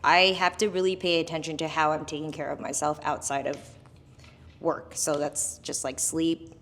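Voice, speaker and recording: A woman with a slightly low voice talks as a podcast guest. She is upbeat and animated, laughing often as she shares advice from her gigs. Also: normal speed. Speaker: guest, professional singer. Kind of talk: casual interview chat.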